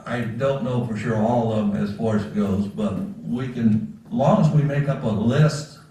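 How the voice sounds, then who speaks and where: Plain-spoken male club member, dark soft tone, speaking informally far from the mic with faint noise. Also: mid-range voice, normal speed. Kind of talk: informal remarks at a club meeting. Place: meeting room, far from the mic. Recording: very echoey room, distant mic, faint noise.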